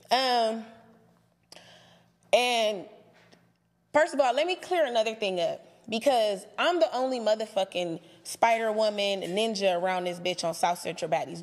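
In a big-room sound, a young woman's mid-range voice delivers profane, casual commentary to her viewers. She recaps episodes of a reality show with a brash, sassy attitude and plenty of swearing.

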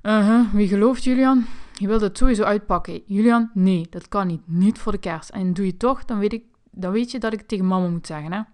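A woman's voice: medium pitch, a little fast, darkish tone, close to an everyday voice. A woman voicing a stern father in a toy figure play video, issuing warnings.

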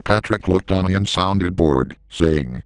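A man narrating a scripted horror story in a deep, smooth and resonant voice. His delivery is steady and measured, and the recording is close and completely dry. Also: no echo, poor audio.

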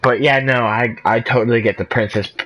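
A man's voice: mid-range voice, steady tone, brisk, fairly bright tone. A drunk man chatting casually over a game, rambling and swearing. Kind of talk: casual chat while gaming.

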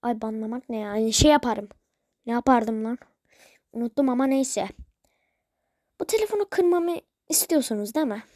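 A woman's voice: fairly high pitch, normal speed, long pauses, a little mellow, no room sound, studio quality. A woman chatting casually to viewers, rambling and grumbling in exasperation. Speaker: video creator.

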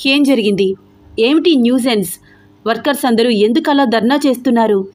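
A woman voicing a hot-tempered young male company boss who shouts indignantly. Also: fairly high pitch, a little fast, close to an everyday voice. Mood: angry shouting.

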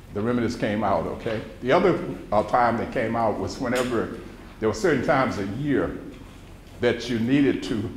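An older man with a Mississippi accent and a low voice gives a folksy, informal lecture. He speaks at a podium microphone in a roomy, echoing space with a little background noise. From central Mississippi, US. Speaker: guest lecturer, retired pharmacology professor. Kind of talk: informal public lecture with personal recollections. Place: indoor lecture room with seated audience. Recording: roomy echo, background noise, live hall.

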